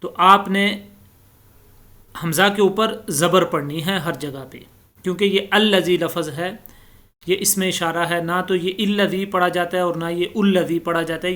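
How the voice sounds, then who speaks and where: A man teaching Quran recitation, explaining pronunciation rules and chanting each verse slowly. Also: high-pitched, bright, forceful tone. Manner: slow explanatory teaching, recites verses in drawn-out melodic style.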